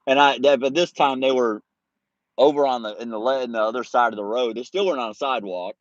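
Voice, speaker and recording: A man in his forties tells a story to his viewers in a relaxed, joking way, with mild swearing and laughter. His voice sits at an ordinary middle pitch. The audio is dull and lo-fi, and it sounds dry and close. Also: fast talker, no echo. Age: 40s. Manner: laid-back, swears freely, laughs through his story. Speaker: streamer.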